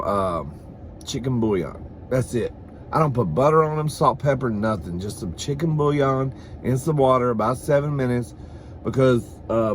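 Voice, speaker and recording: Slight background noise accompanies a man with a medium-pitched voice who hosts a comedy mukbang vlog. While eating, he keeps up a casual, comic chat to the camera, campy and sassy, tossing around "girl" and "honey," and swearing in a bawdy way.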